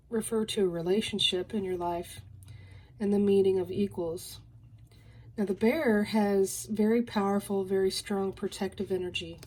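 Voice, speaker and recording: A woman giving a general card reading, explaining each card in a slow, gentle, explanatory way. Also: medium pitch. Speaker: card reader. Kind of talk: relaxed card-reading video.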